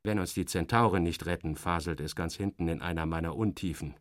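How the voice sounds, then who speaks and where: In studio-quality audio with no room sound, a low-voiced man delivers a theatrical, sardonic first-person literary narration like a radio play. He moves a little fast and shifts his emphasis expressively.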